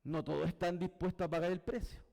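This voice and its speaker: Man, Chilean accent, pastor, fervent sermon, high voice, echoing church hall. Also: level tone, fast talker, creaky. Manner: fervent preaching, swings from loud exclamations to hushed whispers. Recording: long reverb of a church hall.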